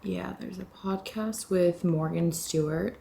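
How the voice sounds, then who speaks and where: A young woman with a slightly low voice chats bubbly and casually to camera in her home kitchen. She fills her talk with "like" and sounds relaxed. Faint kitchen noise and clinking dishes sit quietly behind her. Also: slow pace, gravelly. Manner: chatty, bubbly, lots of "like" fillers. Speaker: lifestyle vlogger. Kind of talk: casual chat to camera while cooking and eating.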